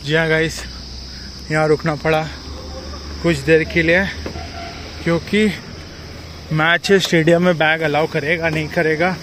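A man's voice: a little high, little pitch movement, a little slow, long pauses, background noise. A young man filming a casual travel vlog on his phone at arm's length, chatting outdoors and mixing in English phrases. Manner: mixes Hindi with English phrases, chatty and upbeat. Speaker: travel vlogger. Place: outdoors on a hill-town rooftop and streets. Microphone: phone held at arm's length.

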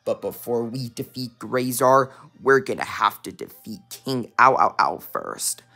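A young fan voicing a calm, matter-of-fact dark-world twin of a puffball hero who explains the situation. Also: mid-range voice, a little slow, creaky, faint music behind, full character voice.

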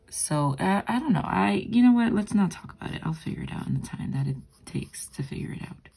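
A woman's voice: deep voice, warm tone. A young woman talking casually while she draws, with a groggy morning voice and a chatty, rambling, self-deprecating manner. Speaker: art vlogger. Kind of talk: casual narration while drawing.

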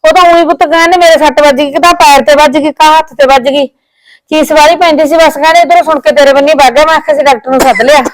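A woman's voice: high voice, steady tone, fast talker, dry recording, close to an everyday voice, rough recording. A woman playing a groaning old mother. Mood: pained, weary. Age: older. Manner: groaning and wailing in pain. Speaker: mother-in-law.

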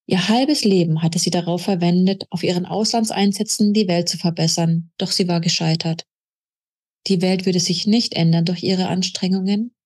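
A woman author reading aloud from her own novel in a steady, measured narrating manner. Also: fairly low pitch, breathy edge.

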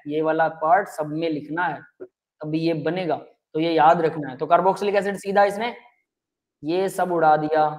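A man's voice: high voice, darkish tone. Man teaching chemistry in a live class. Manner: explains step by step, keeps asking students if it is clear; addresses students as beta and bhai. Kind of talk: live online class lecture.

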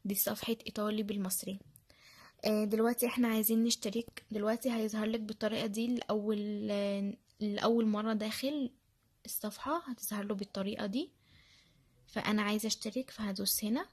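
A woman's voice: medium pitch, fairly even intonation, fast, a little mellow, breathy edge. A woman with an Egyptian accent walking viewers through how she studies, chatty and full of fillers. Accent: Egyptian Arabic. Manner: chatty, repeats phrases, many fillers. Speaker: language learner sharing study tips. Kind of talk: casual screen-share tutorial.

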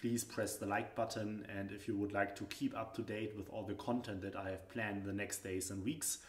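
A young adult German man, accented and fairly low-pitched, narrates a loose tutorial on business presentation charts at a moderate pace with little pitch movement and many fillers. It's a webcam recording from his home desk with an echoey sound.

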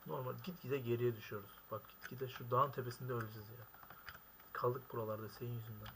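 Young male gamer, mid-pitched, exasperated and complaining at the screen over keyboard clatter. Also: fairly even intonation, fast. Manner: exasperated, complaining loudly at the game. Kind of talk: frustrated gaming commentary. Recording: keyboard clicks and noise behind. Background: keyboard typing.

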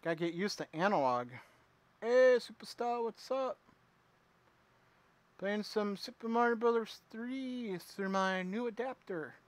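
A man streaming himself playing a retro game, chatting with viewers and reacting out loud as he plays. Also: high-pitched, expressive, a little slow, no room sound. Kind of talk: casual live gameplay commentary.

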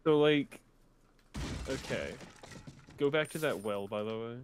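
A man's voice: mid-range voice, measured pace, a little hiss or hum. Teasing, amused man on a voice call. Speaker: co-host on call guiding the player. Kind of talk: casual gaming chat.

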